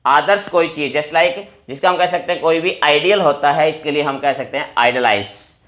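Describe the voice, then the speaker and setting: A male teacher explaining vocabulary words to exam students, repeating each word slowly. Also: on the high side, a bit bright.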